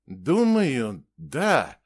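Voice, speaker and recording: A man's voice: medium pitch, animated, moderate pace, natural voice. A man reading an audiobook and voicing an anxious, earnest male doctor who speaks in a raised, eager voice and often hesitates. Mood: hesitant. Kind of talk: audiobook character voice.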